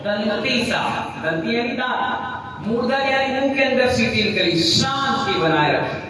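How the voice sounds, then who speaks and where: A man with a high voice teaches pronunciation to a gathered audience, drilling each word slowly and asking the crowd to say it back. He is heard from far off in a very echoey hall with a long reverb, and the audience is clearly audible. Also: animated. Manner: slow drilling, asks the audience to repeat words. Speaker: Jain monk teaching a class. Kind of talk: pronunciation lesson with call-and-response.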